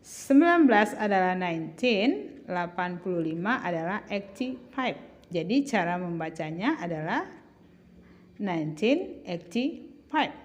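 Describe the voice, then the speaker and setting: A woman's voice: on the low side, big pitch swings, a little slow. A woman tutor explaining patiently to children, asking questions and answering them herself. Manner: patient, addresses pupils as children, asks and answers own questions. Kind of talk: slow classroom explanation.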